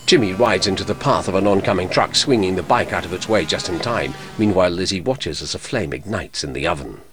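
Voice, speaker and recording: A man narrating an audio description in a measured, neutral manner. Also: low-pitched, lively intonation, a bit bright, soft background music. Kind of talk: scripted narration.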